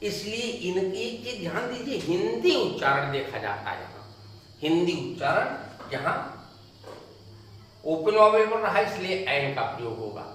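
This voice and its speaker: Slow, bright-voiced male teacher in echoey room. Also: high voice, very animated. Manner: slow, repeats examples aloud with emphasis. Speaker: English teacher. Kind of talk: slow classroom lecture. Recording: echoey room, distant mic, faint noise.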